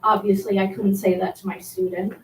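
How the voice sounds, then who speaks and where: A woman teacher giving an impassioned public comment at a board meeting, halting and restarting as she speaks. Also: mid-range voice, level tone, recorded from a distance, slight background noise. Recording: roomy hall, speaker away from mic.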